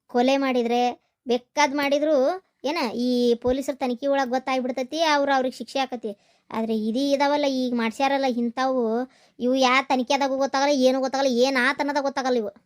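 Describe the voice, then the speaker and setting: A woman with a North Karnataka Kannada accent, playing a scheming village housewife who gives hushed, bossy instructions. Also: high-pitched, lightly acted. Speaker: scheming homemaker in a family skit. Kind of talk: village family drama acting.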